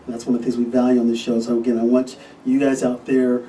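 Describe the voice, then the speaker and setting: A man, a physician, hosting a casual podcast interview and talking with enthusiasm, often pausing on fillers. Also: mid-range voice, completely flat delivery, mellow. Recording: distant mic with faint noise.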